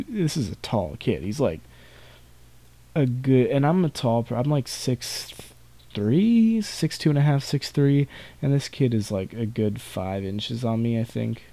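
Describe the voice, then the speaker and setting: A man's voice: on the low side, gravelly, mellow. A young man hosting a podcast alone, telling rambling, self-mocking stories about school and laughing now and then. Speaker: podcast host. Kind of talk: casual solo storytelling.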